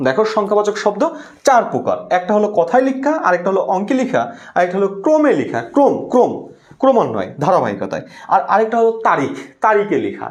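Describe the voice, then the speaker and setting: A man teaching an online class, his voice sitting high and swinging widely in pitch. He drills key words by repeating them and keeps prompting students to comment and answer. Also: very animated, quick pace.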